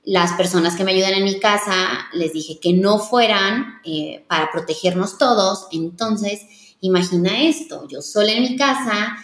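In a roomy, echoing recording, a thirties-aged wedding planner speaks candidly as an interview guest about something personal. She talks a little slowly at a medium pitch, sounding sincere and confiding, and keeps restarting sentences.

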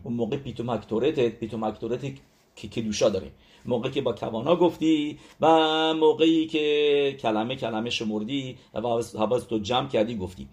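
A man's mid-range, darkish voice carries a religious lesson on what letters mean numerically. As the teacher, he speaks with emphasis, repeats the essential words and keeps checking in with his listeners.

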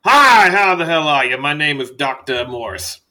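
A man voicing a loud, crude, jovial male back-alley doctor with a salesman's patter. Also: mid-range voice, expressive, moderate pace, pitched above the performer's own voice.

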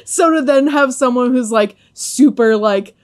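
A woman with a Boston accent co-hosting a podcast, blunt and quick to laugh, swearing in casual chat. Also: a little high. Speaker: podcast co-host.

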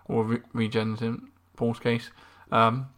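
A man's voice: medium pitch, completely flat delivery, slow pace, a bit bright. A man chatting casually as a podcast co-host, giving his opinions in discussion.

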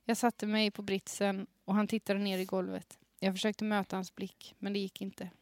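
Stifling laughter, a podcast host in her young adult years reads out a story from her teenage days. She speaks in a mid-range voice with little pitch movement. It's a dry recording, captured through a studio microphone with headphones.

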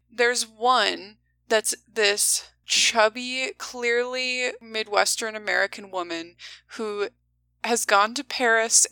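A woman's voice: a little high, bright, forceful tone, dry recording, low-quality recording. A woman co-hosting a podcast, chatting casually and ranting with strong opinions, swearing freely. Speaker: podcast co-host. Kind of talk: casual chat.

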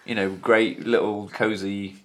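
A man's voice: on the low side, level tone, a little slow, a bit bright, a little hiss or hum. A man co-hosting a casual comedy podcast, joking and laughing often. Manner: jokey, laughs often, puts on silly voices. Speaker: podcast co-host.

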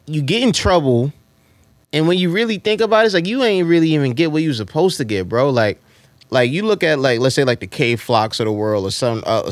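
A man's voice: medium pitch, no echo. A man hosting a casual podcast chat, talking in slang and driving points home with repeated rhetorical questions. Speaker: podcast host.

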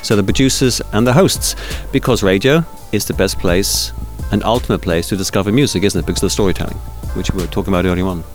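Talking fast with hardly any pauses, the Swiss radio festival organizer uses a deep voice as he shares chatty anecdotes, sidetracks, fillers, and restarts in an interview. Faint music sits behind him.

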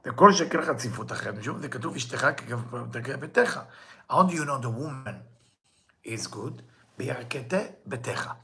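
A man with an Israeli Hebrew accent, a native Hebrew speaker, teaches an earnest weekly Torah lesson as a Kabbalah teacher. His medium-pitched voice is animated, very fast, pushed, and bright, and he poses rhetorical questions and quotes texts in Hebrew.

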